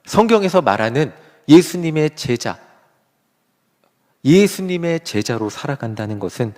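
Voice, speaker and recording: A man's voice: fairly high pitch, very animated, a little slow, darkish tone, big-room sound. A man preaching a sermon as pastor, who asks his congregation questions as he goes. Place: church sanctuary.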